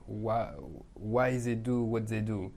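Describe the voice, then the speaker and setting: A middle-aged French man with a French accent, speaking as a podcast guest in a calm, thoughtful way, sometimes searching for words. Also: lowish voice, slow pace. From France. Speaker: guest, manifestation coach. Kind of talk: podcast conversation.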